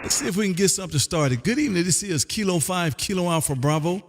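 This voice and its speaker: Speaking in a high-pitched, animated voice with a little hiss or hum in the audio, a Texas man hosts an amateur radio live stream from his home radio room. He calls contacts and chats casually as a folksy showman, dragging out call signs and repeatedly saying "man." Long, hall-like reverb trails his words.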